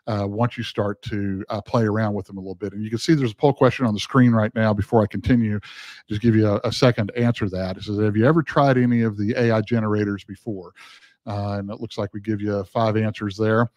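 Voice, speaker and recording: A man giving a webinar presentation, talking fast with lots of fillers and restarts. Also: lowish voice, darkish tone, no room sound. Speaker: guest speaker.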